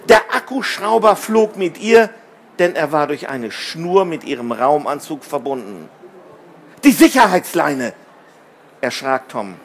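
A man reading a children's story aloud in an expressive, measured way. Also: fairly high pitch, slight background noise. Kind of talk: scripted narration of a children's story.

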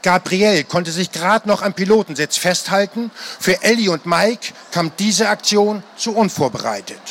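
High-voiced man reading a story aloud. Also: lively intonation, normal speed, a bit bright, slight background noise. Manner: dramatic storytelling, acting out the characters. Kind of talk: live reading of an adventure novel.

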